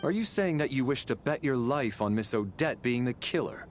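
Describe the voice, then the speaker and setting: A man's voice: medium pitch, animated, moderate pace, a little hiss or hum, lightly acted. A man playing a stern, dutiful guard in a video game, speaking formally and seriously. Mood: grave, businesslike. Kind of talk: game voice acting.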